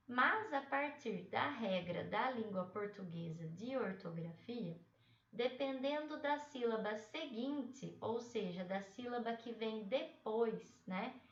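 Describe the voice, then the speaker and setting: A woman teacher slowly walking children through a spelling exercise, explaining step by step and checking in often to see if they follow. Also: on the high side. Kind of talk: slow, patient spelling lesson for children. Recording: roomy, dull sound, distant from the mic.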